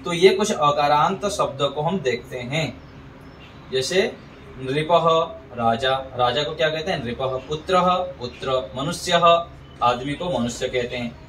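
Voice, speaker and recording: A man teaching a Sanskrit class, drawing out each word form in a slow, deliberate recitation. He sounds set back from the microphone, with a roomy echo around his voice. A faint hum of room noise sits behind him. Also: on the high side, a bit bright, far from the mic. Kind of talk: classroom lesson at a board.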